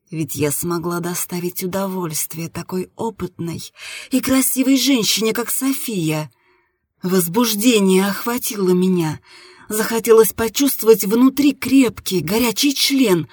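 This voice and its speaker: Husky woman narrating an intimate audiobook. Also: medium pitch, darkish tone, no room sound. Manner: intimate first-person storytelling.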